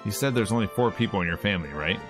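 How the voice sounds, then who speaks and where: Visual novel music and character voices play under a streamer who races through the game's text, reading it aloud, joking and acting out lines. His pitch is fairly low and his intonation lively.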